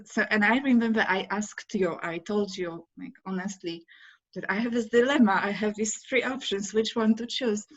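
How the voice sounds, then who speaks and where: A middle-aged Polish woman with a mid-range voice speaks English as a second language, her accent clear as she answers interview questions over a video call from a room at home. A graduate of a course, she's the guest in a casual chat, and her speech halts often and is packed with fillers. The video call audio sounds dull and lo-fi.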